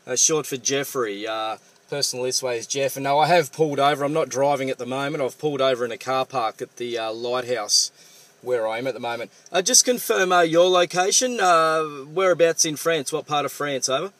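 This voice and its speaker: Aussie bloke doing radio callouts, matey and halting, medium pitch, call signs and jargon. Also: male voice, a bit bright, no echo. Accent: Australian. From Australia. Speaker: amateur radio operator. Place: parked vehicle.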